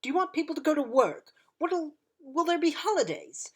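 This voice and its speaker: A woman's voice: sits high, expressive, normal speed. A woman playing an impassioned war veteran pleading for peace in a theatrical, rousing dramatic monologue. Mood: taunting, probing. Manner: theatrical, swinging from hushed to shouted. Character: impassioned, unforgiving-yet-forgiving time-traveller war veteran pleading for peace.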